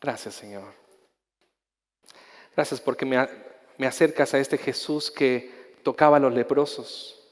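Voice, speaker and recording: A male pastor with a Chilean Spanish accent delivers a sermon with passion, repeating himself and restarting phrases, before closing in a soft, intimate prayer. His mid-range voice keeps a measured pace with long pauses, and the sound has a long reverb tail.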